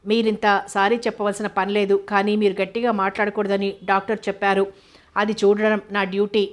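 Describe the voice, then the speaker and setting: A woman voicing a gentle hospital nurse in an audio novel, speaking softly with mild reproach. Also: medium pitch, level tone, brisk, natural voice. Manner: soft, gently scolding. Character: gentle female hospital nurse, soft and kind.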